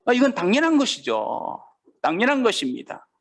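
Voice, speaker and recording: High-voiced man preaching a sermon. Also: huge pitch swings. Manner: asks the congregation questions and reads scripture slowly. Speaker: pastor.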